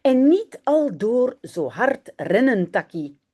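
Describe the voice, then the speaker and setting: A woman reading the lines of a caring little girl who warns and comforts the dog, in a gentle storybook voice. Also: fairly high pitch, very animated, slow, full character voice. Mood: warning.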